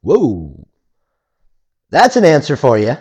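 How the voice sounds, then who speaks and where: A man preaches through a Bible passage as expository teaching, speaking conversationally with restarts and animatedly acting out listeners' objections in different voices. His voice is medium-pitched, slow and husky, with a lo-fi sound.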